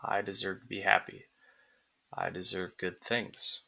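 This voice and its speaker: A man narrating a guided relaxation script like a sleep story, in calm, soothing, deliberate phrases with pauses. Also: low voice, gravelly.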